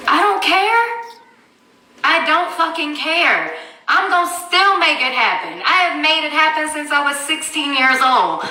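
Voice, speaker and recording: A woman's voice: high voice, pushed and bright. A woman in her thirties on a livestream, telling her story as a mother in a blunt, angry and profane way. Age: 30s. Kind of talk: livestream rant. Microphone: phone. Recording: echoey room, far from the mic.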